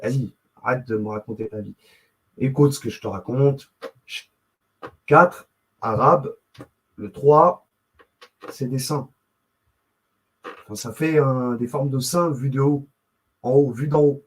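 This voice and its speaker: A man's voice: medium pitch, fairly even intonation, normal speed, pauses often, darkish tone, rough recording. A man hosting his own video channel, rambling and interrupting himself as he muses aloud and mutters while he looks things up on screen. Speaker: YouTube host. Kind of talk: casual screen-share commentary.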